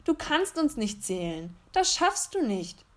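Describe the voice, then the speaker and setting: A woman voicing a chorus of mocking stars in a storybook reading, chanting in a high voice. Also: very animated, unhurried, a bit bright.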